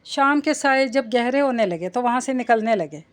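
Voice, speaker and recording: A woman reading a romance novel aloud as an audiobook. Her voice sits somewhat high, with steady, even storytelling. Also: moderate pace. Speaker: narrator.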